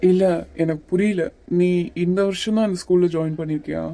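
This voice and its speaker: A woman voicing a calm teasing young man. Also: fairly low pitch, brisk, natural voice. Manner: teasing, patient, a little bossy. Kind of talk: Tamil cartoon series voice acting.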